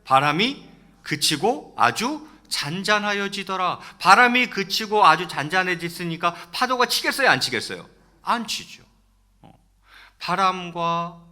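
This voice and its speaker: A man preaching a sermon as pastor, reading scripture aloud and asking the congregation questions, swinging between loud rises and soft drops. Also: fairly high pitch.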